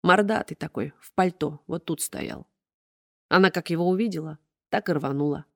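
A woman's voice: sits low, moderate pace, creaky. A woman reading an audiobook, voicing a blunt, plain-spoken older woman gardener. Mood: gossipy.

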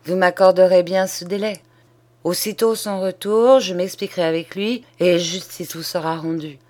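A woman's voice: lowish voice, darkish tone, natural voice. A woman reading a shaken but dignified young aristocratic man in an audiobook.

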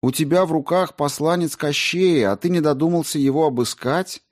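A man's voice: a little high, moderate pace, voice pushed up, lightly acted. A man voicing a scheming, sarcastic woman sorceress who threatens and scolds in an audiobook. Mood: sarcastic scolding.

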